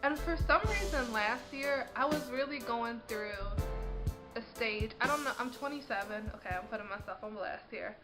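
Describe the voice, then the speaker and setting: A woman's voice: on the high side, moderate pace, music in the background, poor audio. A woman in her twenties chatting to camera in a vlog, congested from a cold and sniffling, talking casually and laughing often. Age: 20s. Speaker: vlogger.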